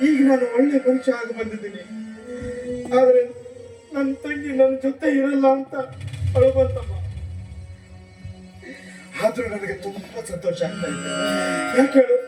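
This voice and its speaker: A man's voice: extremely high pitch, unhurried, pauses often, warm tone. A man acting a reformed drunkard elder brother in a melodramatic stage play, emotional and repeating his words. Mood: remorseful. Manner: emotional, pleading, repeats phrases. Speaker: actor. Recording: echoey stage sound from far off, with music. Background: music.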